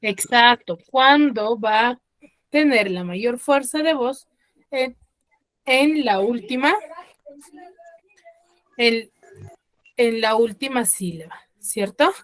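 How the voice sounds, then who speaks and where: A woman teacher giving an online class, quizzing her students and slowing down to stress key words. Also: a little high, no room sound. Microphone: computer mic on a video call.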